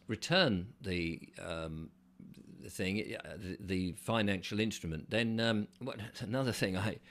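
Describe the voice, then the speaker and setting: A man with a somewhat low voice hosts his own channel and talks straight to camera without a script. He explains his points earnestly, one step at a time. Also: a bit bright. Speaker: channel host. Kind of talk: unscripted solo video monologue.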